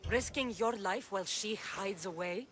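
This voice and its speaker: A woman's voice: medium pitch, moderate pace, fairly bright tone, natural voice. A woman voicing a tough, impatient female mercenary in a video game, with a curt, commanding way of talking. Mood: skeptical. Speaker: game protagonist.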